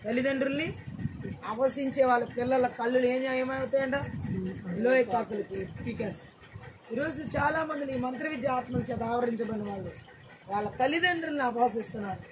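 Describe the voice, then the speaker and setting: A preacher delivering a church sermon, repeating phrases and urging the congregation to say amen loudly. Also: high voice, a little fast, crowd noise. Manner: repeats lines and calls for loud amens.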